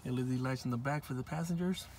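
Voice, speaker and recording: Guy walking round a car on a dealer lot, easygoing, mid-pitched voice, phone mic, lot noise behind. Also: quick pace. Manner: relaxed, offhand, talks to viewers directly. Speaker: car salesman showing a new car. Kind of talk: casual walkaround video. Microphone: phone held in hand while filming.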